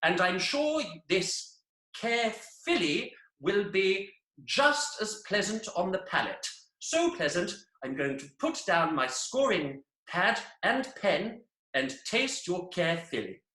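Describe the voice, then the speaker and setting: A woman's voice: fairly low pitch, very animated, slow, a bit bright, reverberant, heavily acted, poor audio. A woman playing a fussy, effusive male chief food judge who lingers over every word, in an improvised comedy over a video call. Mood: gracious. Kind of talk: improvised comedy role-play.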